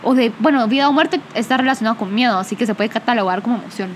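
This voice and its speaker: A Guatemalan woman with a high voice talks loosely on a podcast, quick to laugh and full of vos forms. She keeps a relaxed, conversational flow, and a faint room ambience sits behind her. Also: slight background noise. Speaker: podcast co-host. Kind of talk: casual podcast chat.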